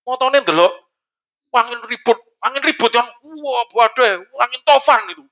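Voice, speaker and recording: A man preaching a lively, joking sermon in a church hall, often asking the congregation questions. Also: very high voice, moderate pace, lo-fi sound. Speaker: pastor.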